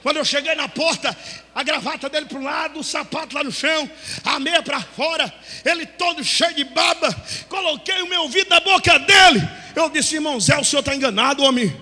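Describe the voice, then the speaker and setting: Male pastor, very high and bright, dramatic shouted Pentecostal sermon full of acted-out dialogue, long church reverb. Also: fairly quick. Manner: shouting, dramatic, acts out dialogue, speaks in tongues. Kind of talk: Pentecostal preaching with storytelling. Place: church hall.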